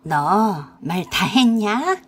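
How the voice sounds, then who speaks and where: A woman's voice: mid-range voice, very animated, drawn-out words, full character voice. A woman voicing a bossy, scolding older mother-in-law with an in a radio drama. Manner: harsh, nagging, scolding.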